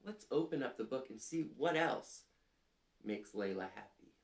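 A man in his thirties hosts a children's storytime, sitting on a couch in a small furnished room indoors as he reads picture books aloud and prompts his listeners. He speaks gently, deliberately, and clearly, with a mid-range voice and lively intonation. The recording has a roomy indoor sound.

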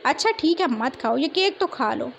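A woman's voice: sits high, lively intonation, normal speed, gravelly, slight background noise. A woman voicing a talkative, bossy young woman who teases a friend. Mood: teasing. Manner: bossy, teasing.

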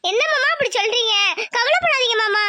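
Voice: very high-pitched, a little fast, sharp tone, full character voice. A performer voicing a caring young village woman in a cartoon, pleading and consoling. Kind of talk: cartoon voice acting.

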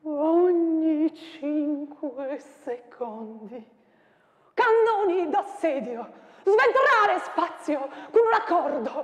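A woman lecturing on sound poetry, then performing it aloud with shouted sound words and laughter. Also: sits high, expressive, drawn-out words. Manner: explains softly, then recites with shouts, onomatopoeia and laughter. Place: large university lecture hall. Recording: echoey hall reverb.

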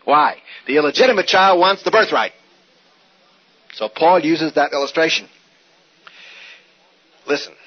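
A man's voice: on the high side, unhurried, long pauses. A man teaching Scripture in a sermon, driving points home with rhetorical questions and repetition, on a dull older recording. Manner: animated, rhetorical questions, repeats key points. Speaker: Bible teacher.

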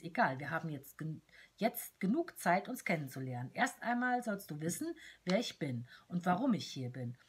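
A woman's voice: lowish voice, slightly rough, heavily acted. A woman reading as a tiny cheerful companion doll. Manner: chirpy, playful letter reading. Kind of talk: reading a letter aloud.

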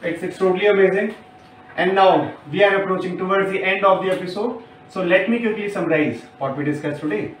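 A man with an Indian English accent hosts a tool demo, steering with questions and summaries. His voice is notably high. The recording is very echoey and distant, with a faint noise bed. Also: brisk. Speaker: show host. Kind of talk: hosting a product demo. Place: construction site.

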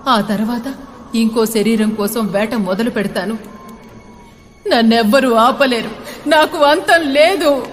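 A wailing, deathless female spirit, voiced by a woman in a spoken storybook, threatening with laughter and sobs. The voice swells loud and dips low. Soft music runs underneath. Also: slow, pauses often, long reverb tail. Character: cursed undying female spirit possessing a wife.

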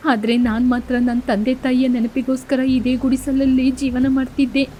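A woman's voice: high-pitched, little pitch movement, normal speed, mellow, a little hiss or hum, natural voice. A woman voicing a proud, poor young mother who pleads tearfully in a cartoon story. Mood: grieving.

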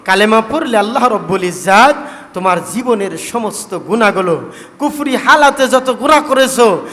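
A man's voice: high-pitched, a bit bright. A male Islamic preacher delivering a sermon in a rhythmic, repetitive cadence. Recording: echoey hall reverb.

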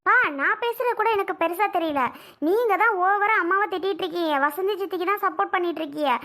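A defiant young daughter argues back at her father in a homemade family skit, played by a girl. Her voice is very high and bright. She talks in an insistent, pleading and indignant way. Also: quick pace, full character voice.

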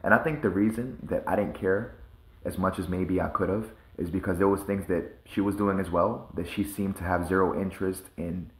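A man's voice: low voice, roomy sound, poor audio. A man musing casually in a loose, slang-heavy monologue full of fillers. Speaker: vlogger.

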